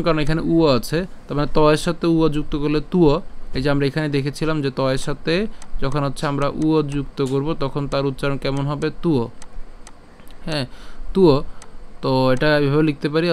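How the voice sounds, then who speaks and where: A man teaching how to pronounce a scripture verse, breaking it into syllables, repeating them slowly and answering his own questions. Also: a little high, clean tone. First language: Bengali. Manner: asks questions then answers them himself. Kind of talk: Sanskrit verse pronunciation lesson.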